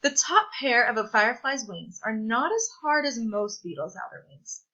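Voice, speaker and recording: Big swings in pitch mark this woman's reading of a children's science book, her voice very bright, forward, and a little high. As a read-aloud presenter she phrases deliberately, teacher-style, on a somewhat dull, lo-fi recording.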